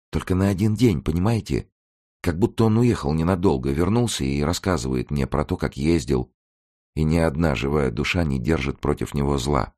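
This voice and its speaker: A man voicing an elderly grandmother who pleads in a creaky, flat and dull voice. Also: a bass voice, exaggerated voice.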